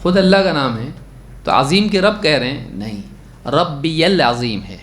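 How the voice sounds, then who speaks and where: Stern religious teacher in an echoey room. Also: male voice, a little high, big pitch swings, a bit bright, slight background noise. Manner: recites Arabic text, then explains it; asks the listeners questions, then answers them. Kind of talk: religious lesson on prayer.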